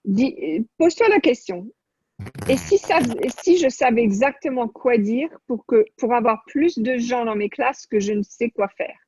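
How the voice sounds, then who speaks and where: A woman's voice: on the high side, expressive, moderate pace, darkish tone, slightly rough, no echo. A woman coaching a group on an online call, talking off the cuff in an encouraging, directive way. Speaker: coach leading an online class. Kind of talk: spontaneous coaching talk. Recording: muffled, dull online-call audio.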